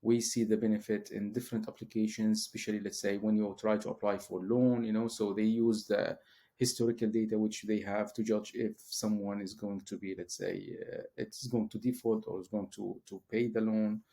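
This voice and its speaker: Professor type from Syria, deep gravelly tone, slow-to-find-words interview answers. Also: male voice, little pitch movement, mellow. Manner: hesitant, many fillers and restarts. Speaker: guest, professor.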